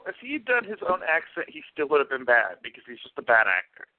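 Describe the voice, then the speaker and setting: A man's voice: a little high, huge pitch swings, quick pace, dry recording. A man co-hosting a casual film review podcast, speaking hesitantly with many fillers and restarts. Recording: phone-like remote call line.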